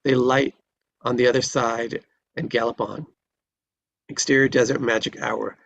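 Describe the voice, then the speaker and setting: With vocal fry and a slightly bright tone, a man in the mid-range narrates stage directions at a live table read, unhurried and fairly even in intonation. His scripted screenplay reading is descriptive, like storytelling. The sound is dull and lo-fi with faint background noise.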